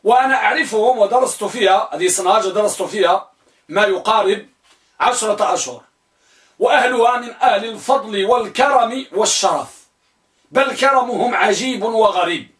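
A man teaching an Arabic grammar lesson. He quizzes his students and spells each word form out slowly, repeating it. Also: sits high, fairly bright tone, roomy sound, far from the mic. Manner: asks the students questions and answers them himself.

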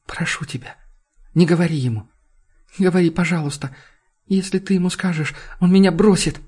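Brief: narrator doing a desperate young man, high husky cries, storybook drama. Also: a little fast. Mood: pleading. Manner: pleading, shouting in panic.

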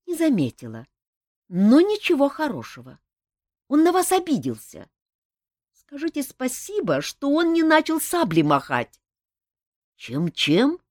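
A shrill, bossy young nymph girl , as a woman reads her, leaping high and loud through every line. The sound is close and dry, with no room around it. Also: dry recording, exaggerated voice. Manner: shrill, scolding. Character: young female nymph dancer, fiery and bossy.

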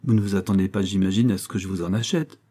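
A man reading aloud voices a vain, pompous middle-aged widow who scolds her niece haughtily, with sudden rises in pitch. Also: steady tone, quick pace, dark tone, husky. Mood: haughty.

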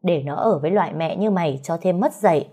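A woman voicing a domineering older mother-in-law who scolds and shouts with scorn. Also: fairly low pitch, fast, husky. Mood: contemptuous.

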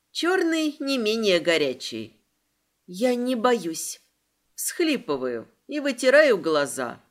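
Woman reading a fantasy audiobook, slow, lots of up and down in her voice. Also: medium pitch. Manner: emotional, expressive storytelling. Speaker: audiobook narrator. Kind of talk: first-person fantasy narration.

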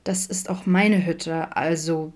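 A woman voicing a gentle, caring young man. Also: on the low side, moderate pace, close to an everyday voice. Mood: concerned. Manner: soft and hesitant, concerned. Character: gentle, cheerful young male camp counselor, caring.

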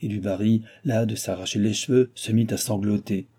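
A man narrating a classic novel as an audiobook, measured and expressive. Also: fairly low pitch, slightly rough.

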